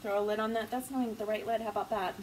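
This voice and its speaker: Rapid-fire and fairly even in intonation, this mid-range female voice comes from a forties stay-at-home mom vlogger chatting through a casual cook-along in her home kitchen. She's easygoing and laughs at herself, while the distant, low-angle counter camera catches heavy noise from sizzling pans, clinking cutlery and loud kitchen clatter.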